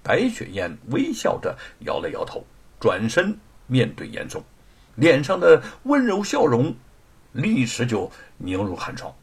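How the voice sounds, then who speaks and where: A man's voice: huge pitch swings, measured pace, husky. A man narrating a traditional Chinese storytelling performance with dramatic delivery. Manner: dramatic, sweeping pitch swings.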